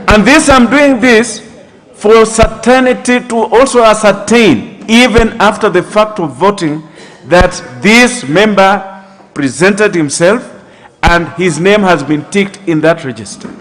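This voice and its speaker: A man presiding as parliamentary chair, formal and authoritative, calling members to order and repeating phrases deliberately for emphasis. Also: sits high, animated, a bit bright. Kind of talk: formal procedural address from the chair. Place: large indoor legislative chamber. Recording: echoey parliament chamber with long reverb.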